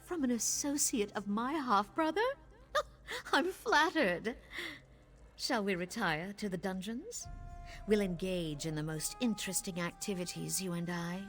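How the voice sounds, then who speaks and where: A haughty usurper queen in a fantasy video game. Her delivery swings widely in pitch, imperious and mocking, with a cruel seductive streak. Soft music plays under her voice. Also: expressive, a little slow. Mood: seductive menace.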